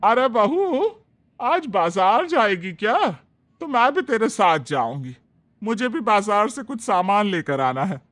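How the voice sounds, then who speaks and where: A woman's voice: mid-range voice, sing-song, unhurried, fairly bright tone, voice pushed up. Woman playing a bossy old mother-in-law. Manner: commanding, scolding.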